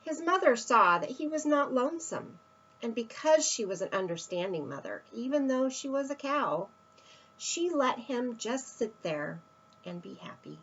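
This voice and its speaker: A woman's voice: on the high side, sing-song, unhurried, a bit bright, breathy edge, lo-fi sound. A woman reading a children's picture book aloud, expressively, with emphatic stresses and asides to young listeners. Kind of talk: read-aloud children's storytelling.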